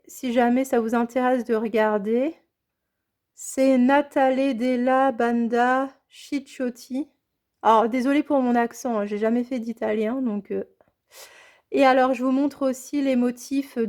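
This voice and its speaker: A high-voiced woman talks through her unboxing in a relaxed, chatty way. She gushes with enthusiasm and keeps coming back to the same words of praise. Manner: enthusiastic, gushing, repeats praise. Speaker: scrapbooking vlogger. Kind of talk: casual unboxing chat.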